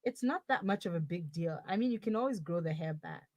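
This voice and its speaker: A woman's voice: lowish voice, animated, fairly quick, darkish tone, no room sound. A woman playing a dry, sarcastic young girlfriend. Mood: teasing. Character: blunt young woman stuck in her boyfriend's body. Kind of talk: comic audio drama.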